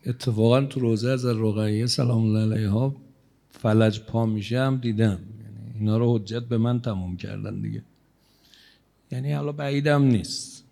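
Gravelly-voiced male cleric preaching. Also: medium pitch, steady tone. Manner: conversational, teasing the audience, shifting loudness. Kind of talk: religious sermon to a congregation.

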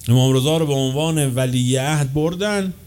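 A man preaching a sermon with passion, swinging from loud, slow declaiming to quick, quieter asides. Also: medium pitch, faint music behind. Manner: chants quoted chains of narrators slowly.

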